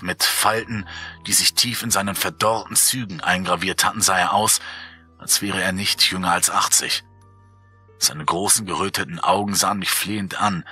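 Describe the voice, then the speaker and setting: A man narrates a horror story in a calm, measured, somber read. His voice sits low yet sounds very bright, with a husky edge. Faint music plays underneath. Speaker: audiobook narrator.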